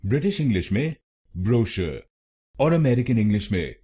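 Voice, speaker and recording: A man leads a pronunciation lesson in a slow, careful, repetitive way. His voice is low, mellow and slightly husky, and his pitch moves lively up and down. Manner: slow, deliberate, repeats words. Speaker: pronunciation teacher.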